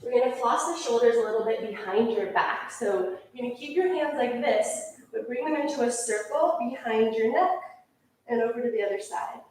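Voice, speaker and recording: A woman teaching a yoga class, calmly and steadily cueing breaths and movements. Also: fairly high pitch, moderate pace, slight background noise. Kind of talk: guided yoga class instruction. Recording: echoey room, voice from far off.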